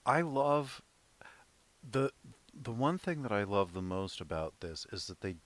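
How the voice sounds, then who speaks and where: A man's voice: lowish voice, sing-song, unhurried. A man co-hosting a movie podcast, chatting casually about a film and laughing often. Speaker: podcast co-host.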